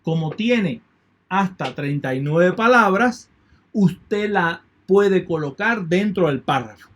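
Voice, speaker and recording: A man's voice: high voice, lively intonation, takes it slowly, fairly bright tone. A man teaching an online lecture in a methodical way, repeating key points and thanking his students. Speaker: university lecturer.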